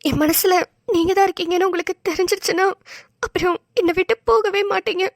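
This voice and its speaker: A woman's voice: very high-pitched, steady tone, fast, vocal fry, no echo, clean studio sound. A woman voicing a tearful young woman in a cartoon, pleading and upset. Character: tearful young woman pushing a suitor away. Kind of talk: cartoon voice acting.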